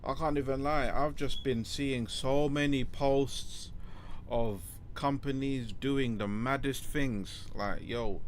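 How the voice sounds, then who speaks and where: A man's voice: mid-range voice, steady tone, takes it slowly, a little hiss or hum. A man with a London roadman accent and street slang, hosting a casual podcast and often repeating his words and phrases. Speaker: podcast host.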